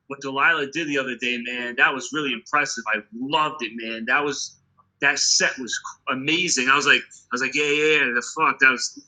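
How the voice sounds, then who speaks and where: Guy telling a story fast, swears a lot, really bright voice. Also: medium pitch, low-quality recording. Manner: quick, swearing, punchy. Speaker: guest musician, guitarist. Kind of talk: casual storytelling.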